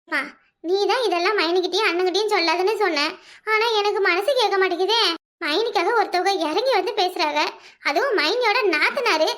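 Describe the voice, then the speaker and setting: A woman's voice: extremely high pitch, brisk, a bit bright. A woman voicing a sly, gossiping young sister-in-law in a cartoon, with a Kanyakumari Tamil accent and a wheedling manner. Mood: needling.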